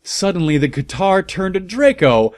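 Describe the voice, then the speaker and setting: Here a comic reader with a high, sing-song voice delivers fan fiction at a moderate pace, with no room sound audible. His reading is theatrical and funny, punctuated by incredulous interjections.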